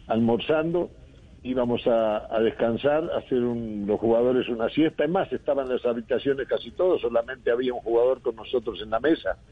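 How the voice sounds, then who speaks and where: Coach on a dull radio line. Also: male voice, mid-range voice. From Uruguay. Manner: reflective, rambling with many fillers and restarts. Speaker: football coach. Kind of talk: radio phone interview.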